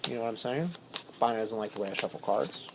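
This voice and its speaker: A woman's voice: very deep voice, fast talker, creaky, background noise. A woman hosting a podcast game night, explaining rules in a rambling, self-amused way. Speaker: podcast host, game judge. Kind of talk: casual podcast chat.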